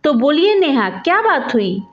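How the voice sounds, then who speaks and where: A woman voicing a patient young daughter-in-law who speaks calmly but firmly. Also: high voice, moderate pace, reverberant, muffled recording. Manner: calm, firm.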